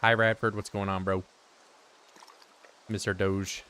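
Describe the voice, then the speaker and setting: Low-voiced man streaming a game. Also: flat delivery, unhurried, sharp tone, smooth. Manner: dry joking, answers chat aloud. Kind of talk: casual live-stream commentary.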